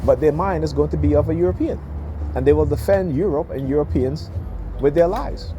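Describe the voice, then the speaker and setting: A man with a slightly high voice delivers an informal, opinionated rant. He talks emphatically and punctuates his points with short check-in questions. There is clear background noise throughout the recording. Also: a little fast, dark tone, dull audio. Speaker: speaker giving commentary.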